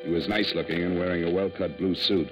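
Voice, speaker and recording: An actor as a wisecracking private investigator. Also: male voice, deep voice, steady tone, fast talker, lightly acted. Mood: narrating. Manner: dry, wisecracking. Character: wisecracking male insurance investigator. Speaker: narrator and lead. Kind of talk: 1950s radio drama acting. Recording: dull old radio broadcast with music.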